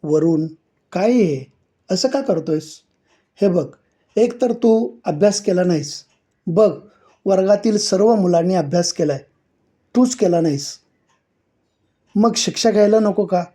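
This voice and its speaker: Man doing a stern shouting schoolteacher. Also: unhurried, pauses often. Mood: remorseful. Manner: loud scolding, raised pitch. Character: stern middle-aged male schoolteacher, short-tempered. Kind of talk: acted dialogue in a story reading.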